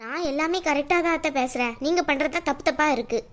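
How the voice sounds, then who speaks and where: A woman voicing a quarrelsome young wife in a cartoon family drama, with a high, argumentative manner. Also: fast talker. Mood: indignant. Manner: high, argumentative, sharp-tongued. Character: quarrelsome young wife Anu, sharp-tongued.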